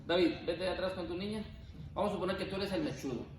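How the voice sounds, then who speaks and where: A man teaching a Bible class, lively and joking, often asking the class questions. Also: sits high, racing. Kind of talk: classroom lecture. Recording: echoey classroom, faint room noise.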